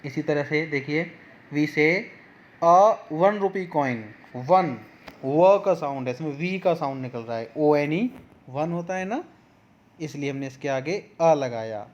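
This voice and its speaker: A male teacher with an Indian accent, explaining grammar in a slow, patient way. His voice sits a little high for a man. The recording sounds dull and lo-fi. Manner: slow, explaining, mixing English examples into Hindi. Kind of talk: online grammar lesson.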